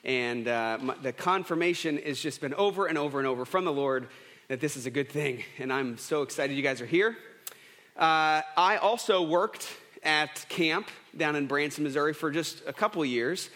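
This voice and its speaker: With a sharp tone, a somewhat high voice and a moderate pace, a man in his thirties preaches a loose, narrative sermon as pastor, chatty, self-mocking and prone to restarts. The recording carries the long reverb of a church sanctuary.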